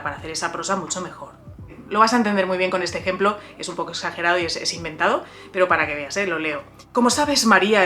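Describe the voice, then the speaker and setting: A writer and writing coach hosts a casual video lesson on her channel, chatting straight to the viewer with frequent "eh" fillers and restarts. Her mid-range voice is a bit bright, with a little hiss or hum in the recording.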